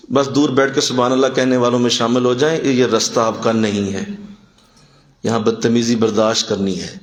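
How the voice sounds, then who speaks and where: A man giving a sermon, telling stories and driving his points home with sudden emphatic rises in voice. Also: roomy sound. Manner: animated, rising to emphatic high bursts. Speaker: religious speaker.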